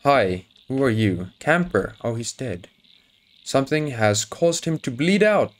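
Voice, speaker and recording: A gaming YouTuber does let's play commentary for a horror game, cracking nervous jokes and talking to his in-game dog. His medium-pitched voice is expressive and unhurried.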